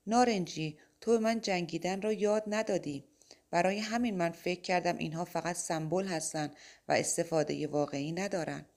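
A woman's voice: low voice, vocal fry, a little mellow. A woman voicing an anxious young man, a reluctant warrior of light, in an audiobook, with an urgent, raised, pleading delivery. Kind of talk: audiobook character voice.

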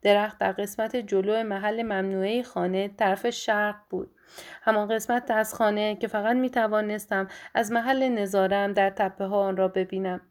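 A woman narrating a first-person story in a measured, steady audiobook reading. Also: medium pitch.

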